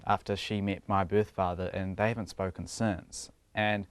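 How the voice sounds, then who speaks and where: A young man with a New Zealand accent chats casually in an interview, often laughing and restarting sentences. His slightly low voice is smooth and clear, with little pitch movement at a normal speed, and the sound is dry without room echo.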